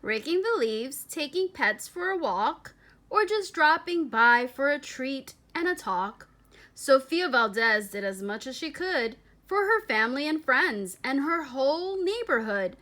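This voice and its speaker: A woman with a high-pitched voice reads a children's picture book aloud at a very unhurried pace. She phrases every part deliberately, giving it a storyteller's expressive emphasis.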